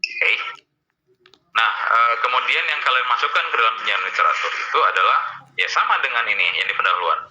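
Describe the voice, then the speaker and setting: A university lecturer, a man with a mid-range voice, gives a casual online lecture to students while sharing his screen. He talks fairly quickly in an expressive, sharp tone, chatty and full of fillers. The call audio is dull and lo-fi.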